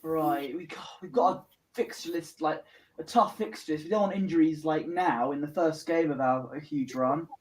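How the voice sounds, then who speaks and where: A man with a high-pitched voice co-hosts a live football watchalong. He reacts as a fan, calling out the play and urging the players on. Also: normal speed. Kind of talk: live match commentary chat.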